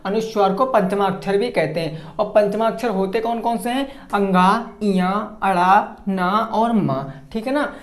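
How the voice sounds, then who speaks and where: A high-pitched man talks a little slowly and barely pauses. As a teacher preparing students for an exam, he covers grammar by asking and answering his own question, drawing out example words, and constantly checking comprehension. The space echoes.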